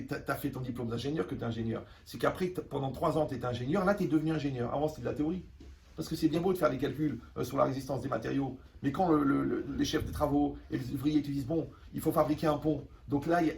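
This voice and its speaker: Teaching a class of teenagers, this man keeps things animated: he repeats phrases, checks in with "vous me suivez," and plays out small scenes using quoted voices. His voice is mid-range and creaky, picked up from afar with a faint hum of the room behind him.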